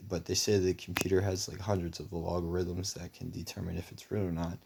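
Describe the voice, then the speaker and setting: A man's voice: deep voice, gravelly, slightly rough. A young man talking in a rambling personal monologue, meandering with many fillers and restarts. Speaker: vlogger.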